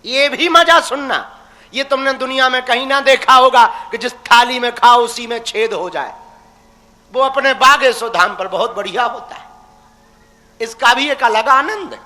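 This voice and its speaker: This religious preacher is a young man with a very high, bright, pushed voice at a moderate pace. His devotional sermon is folksy and playful, calling listeners his crazy ones, recorded with long hall reverb.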